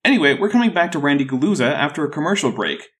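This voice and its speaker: A man's voice: fairly high pitch, expressive, rapid-fire, a bit bright. A man with a thick, sore-throated voice hosting a scripted rebuttal video in a dry, skeptical way. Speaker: YouTube host.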